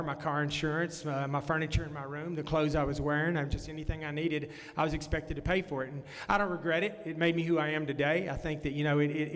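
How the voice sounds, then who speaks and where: Running for Congress, a fortysomething man from the Texas Panhandle gives a quick, folksy stump speech with a West Texas accent and a voice on the high side. He often restarts and says "uh." His handheld or podium mic feeds a room PA, so long hall reverb fills the forum meeting room.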